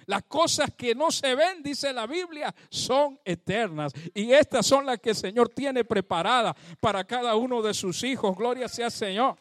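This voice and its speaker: A man's voice: very high-pitched, normal speed, few pauses, fairly bright tone, dry recording. A man preaching a sermon to his congregation, fervently calling out praise to God and asking the church questions. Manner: addresses the congregation directly, asks them questions. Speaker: pastor.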